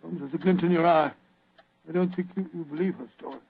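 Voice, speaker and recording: An actor playing a bumbling, huffy but loyal doctor in a radio drama, with a fussy, blustering manner. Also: male voice, on the high side, fairly even intonation, fast talker, slight background noise, natural voice. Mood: puzzled. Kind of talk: old-time radio drama acting. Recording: muffled old radio recording.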